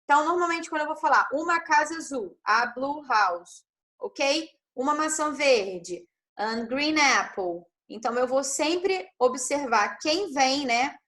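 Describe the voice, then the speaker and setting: A woman with a high voice teaches an online class through her computer mic. She explains step by step and keeps asking her students if they are following. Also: expressive, unhurried, a bit bright. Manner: explains step by step, checks in with frequent tag questions. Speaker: English teacher.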